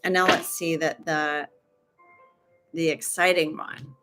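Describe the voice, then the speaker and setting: A woman's voice: low voice, fairly even intonation, takes it slowly, a bit bright, faint music behind. A woman casually reading tarot cards for her livestream, chatty and rambling, trailing off mid-sentence and throwing in joking asides. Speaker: tarot reader and stream host.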